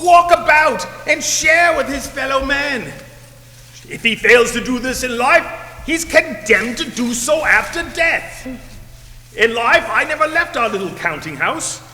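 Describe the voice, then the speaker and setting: A man playing the raspy, mock-solemn ghost of a dead business partner in a comic stage play, recorded in a reverberant hall. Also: very high-pitched, bright, forceful tone, full character voice. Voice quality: put-on raspy voice. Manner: theatrical, mock-solemn with jokes and laughter. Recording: roomy hall with long reverb, faint noise.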